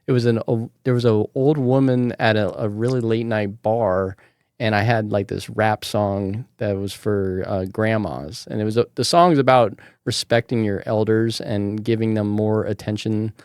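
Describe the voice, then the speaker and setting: A man's voice: lowish voice, steady tone, moderate pace, darkish tone, clean tone, no room sound, clean studio sound. A man hosting a podcast who asks questions and tells loose, chatty stories full of filler words. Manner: chatty, loose storytelling with many "like"s. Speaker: podcast host. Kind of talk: casual chat.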